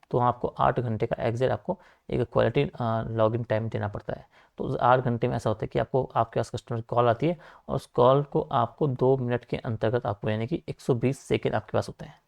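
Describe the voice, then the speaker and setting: The speaker is a young man from Uttarakhand, India, who teaches at a coaching class; his gravelly voice is mid-range and darkish. Fast-talking and prone to repeating "theek hai" and "aapka," he gives an online lecture sprinkled with informal asides to students.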